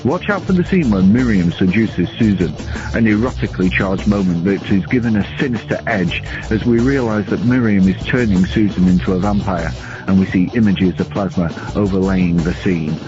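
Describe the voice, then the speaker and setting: A man with a low-pitched voice reads a scripted film countdown at a moderate pace as a guest reviewer. The recording sounds dull and lo-fi, with music underneath.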